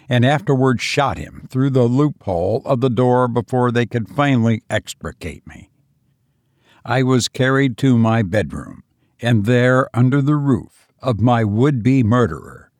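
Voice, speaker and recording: Male audiobook narrator, unhurried and deliberate, dry close sound. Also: mid-range voice, a little mellow, no room sound. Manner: measured, deliberate storytelling.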